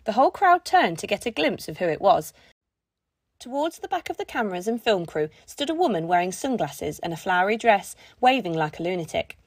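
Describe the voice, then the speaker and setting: Woman narrator for a kids' audiobook, lively storytelling, close dry recording. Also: mid-range voice, fairly quick, no echo. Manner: expressive storytelling. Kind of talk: scripted narration.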